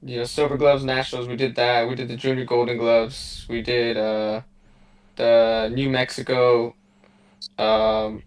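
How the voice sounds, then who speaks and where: A young man from Southern California, a boxer, fields casual interview questions over a remote call at a measured pace. His voice sits at medium pitch with little movement, and his answers ramble loosely with plenty of fillers.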